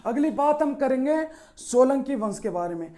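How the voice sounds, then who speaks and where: Here a history teacher, a man with a very high-pitched, expressive voice, explains memory tricks softly and mellowly. Posing questions only to answer them at once, he caps almost every point with a short "okay."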